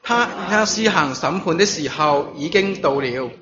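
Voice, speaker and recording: A man preaching a sermon, reading scripture in a measured way and using halting fillers when he speaks freely, at a church service that is also streamed online. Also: a little high, expressive, fairly bright tone. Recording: dull lo-fi recording with congregation noise.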